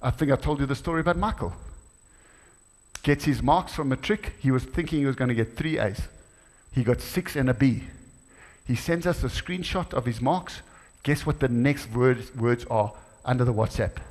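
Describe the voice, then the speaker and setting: A middle-aged man preaching a sermon in a church, animated, rising to exclamations and acting out dialogue. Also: medium pitch, normal speed. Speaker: guest preacher. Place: church hall. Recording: church hall with long reverb.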